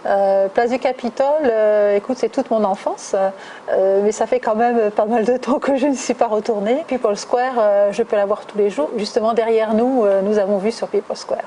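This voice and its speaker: A middle-aged woman from Toulouse speaks, her tone mellow and soft. She answers interview questions at an easy, thoughtful pace and pauses often on hesitations, with faint ambient noise behind her. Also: a little high, steady tone, rough recording. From France, southwest (Toulouse). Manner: thoughtful, many hesitations with "euh". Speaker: guest, recruiter.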